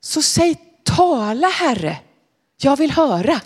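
An old priest, patient and kindly, speaks softly and calmly, voiced by a woman reading a Bible story aloud. The voice sits fairly high and moves a lot. A long hall reverb trails behind every word. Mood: realizing.

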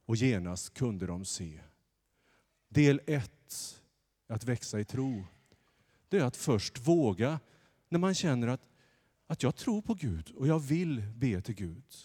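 A man preaching a lively sermon from the pulpit in a church, acting out the story as he goes. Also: mid-range voice, husky. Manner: animated, acts out the story's voices. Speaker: pastor. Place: church sanctuary. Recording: long church reverb.

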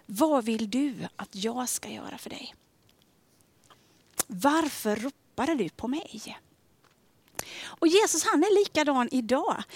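A woman giving a sermon in a gentle, conversational way, often dropping to a soft near-whisper on key questions. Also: high-pitched, dry recording. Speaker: preacher.

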